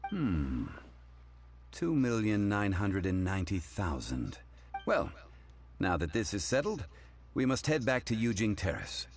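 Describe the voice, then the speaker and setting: A wise and ancient scholar, with a low voice that still moves expressively. He speaks slowly and deliberately in formal, unhurried phrases. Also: huge pitch swings, faint music behind, heavily acted.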